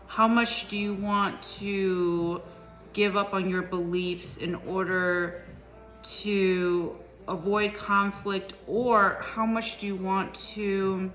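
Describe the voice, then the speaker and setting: A woman's voice: mid-range voice, a bit bright. A woman giving a casual tarot reading, talking loosely with many ums and likes. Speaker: tarot reader.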